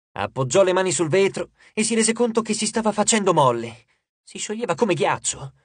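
Husky male audiobook narrator. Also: no echo. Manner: dramatic, shifts pitch and loudness for characters. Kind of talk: expressive audiobook narration with character voices.

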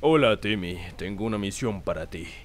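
A man playing a mission giver who briefs the hero in a calm, serious way. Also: lowish voice, normal speed, close to an everyday voice. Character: deep-voiced man giving missions.

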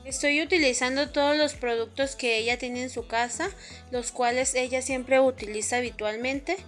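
A woman's voice: high-pitched, fairly even intonation, normal speed, fairly bright tone, faint music behind. A woman, chatting to viewers in a casual cleaning vlog from her home kitchen. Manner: chatty, addresses viewers directly. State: sweaty from cleaning. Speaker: vlogger.

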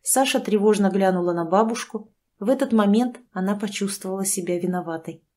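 A woman reads an audiobook in an even, measured way. Her voice sits at a medium pitch. The narration is calm and steady. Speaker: audiobook reader. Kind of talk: scripted narration.

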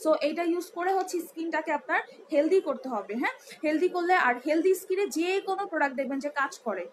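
A woman's voice: very high-pitched, expressive, brisk, noisy background. A young woman, chatty and rambling as she sells beauty products on a live stream, mixing in English words and many fillers. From Bangladesh. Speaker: online beauty shop seller. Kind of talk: live-stream product selling, reading viewer comments.

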